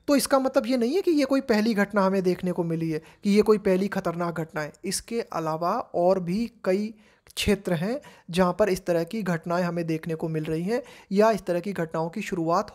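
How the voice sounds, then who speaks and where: An Indian woman teaching English, reading editorial phrases slowly and explaining each one in Hindi. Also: mid-range voice, darkish tone.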